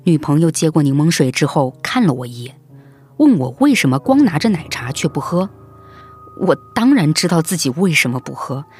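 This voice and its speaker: Expressive male storyteller with lively intonation. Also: on the high side, breathy edge. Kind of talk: first-person dramatic story narration.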